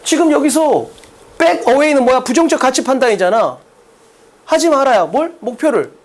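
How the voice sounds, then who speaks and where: Brash lively Korean exam lecturer, man. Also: very high voice, normal speed. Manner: brash, blunt, rhetorical questions. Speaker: English test-prep lecturer.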